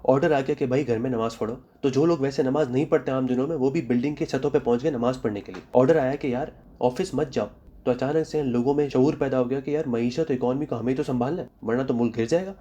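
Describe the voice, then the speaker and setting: A young man from Pakistan fires off sarcastic jokes at a brisk clip, his voice dark and mellow. He later turns to steady public health advice in the same quick delivery. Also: medium pitch. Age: young adult. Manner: sarcastic rapid-fire jokes. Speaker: comedy vlogger. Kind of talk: comic monologue then public health advice.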